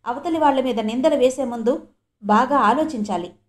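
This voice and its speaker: A woman's voice: sits high, moderate pace, lightly acted. A woman voicing a stubborn middle-aged mother who speaks firmly in a storybook reading. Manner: firm, scolding.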